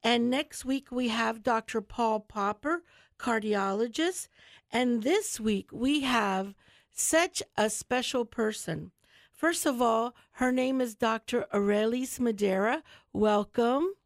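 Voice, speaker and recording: A woman's voice: a little high, slow pace, no room sound. A woman hosting a talk show, chatty and effusive, full of heartfelt praise for her guests.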